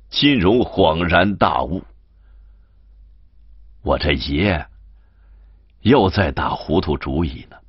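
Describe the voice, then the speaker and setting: Deep, husky man reading an audiobook. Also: dry recording. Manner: unhurried, expressive storytelling. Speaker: audiobook narrator. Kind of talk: audiobook narration of a classic novel. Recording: muffled lo-fi recording.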